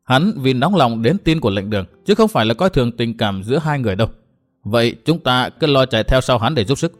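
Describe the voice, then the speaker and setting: A man's voice: mid-range voice, lively intonation, quick pace, soft background music, close to an everyday voice. A man voicing a blunt, fatherly old martial-arts elder. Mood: gruff.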